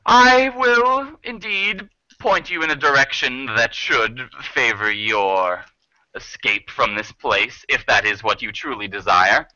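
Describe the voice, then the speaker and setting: A man voicing a polite, menacing male owl creature who delivers his threats in a courteous, drawn-out way. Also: medium pitch, bright, forceful tone, dry recording, muffled recording. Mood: genteel menace.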